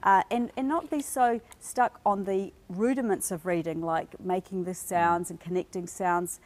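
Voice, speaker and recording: A woman's voice: on the low side, fairly even intonation, moderate pace, darkish tone. A woman speaking as a guest in a studio interview, explaining things earnestly from a parent's point of view. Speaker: guest parent and reading advocate.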